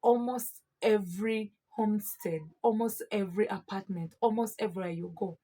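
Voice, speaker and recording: A woman's voice: mid-range voice, normal speed, husky. A young adult woman with a Ugandan East African English accent, chatting casually and emphatically to her viewers in a vlog. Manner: emphatic, expressive, often addressing listeners as friends. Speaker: vlogger.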